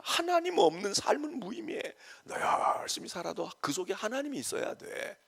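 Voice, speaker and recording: A male pastor delivering an early-morning sermon, swinging from emphatic preaching to quiet acted-out asides. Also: sits high. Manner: animated preaching that drops to soft, quoted asides. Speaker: senior pastor. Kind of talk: dawn service sermon.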